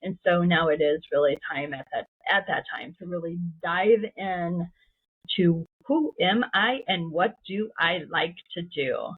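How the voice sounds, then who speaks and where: A woman's voice: fairly low pitch, a little slow, slightly rough. A woman podcast host and coach, speaking in an affirming, encouraging way in a casual interview. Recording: tinny phone-like line.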